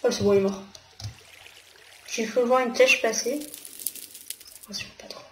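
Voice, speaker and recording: A young woman with a French accent talks her way through a game, thinking aloud and breaking into quick exclamations. Her voice sits a little high. The recording is roomy and echoey, with steady noise underneath. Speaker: gamer. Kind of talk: casual gameplay commentary. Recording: echoey room with noticeable noise.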